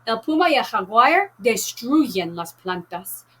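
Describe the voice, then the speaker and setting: A woman voicing an excited young man from a class storybook, higher and livelier than her narration. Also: slow, full character voice. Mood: eager.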